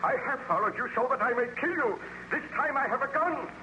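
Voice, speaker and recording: A man's voice: very high-pitched, lively intonation, a little fast. A male actor playing a grave, determined baron in an old-time radio horror drama, speaking with formal, earnest delivery. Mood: defiant, alarmed. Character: grave, determined baron hunting his monstrous creation. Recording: noisy old radio recording.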